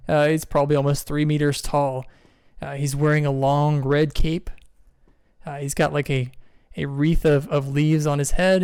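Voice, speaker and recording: A game master narrating a tabletop game, describing scenes at length with plenty of fillers. His voice is smooth and fairly high for a man, recorded close and dry. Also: a little mellow, no room sound.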